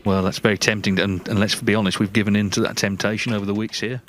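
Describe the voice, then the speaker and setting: A man giving live snooker commentary in a measured, conversational, analytical way. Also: fairly low pitch, little pitch movement, fairly bright tone, a little hiss or hum.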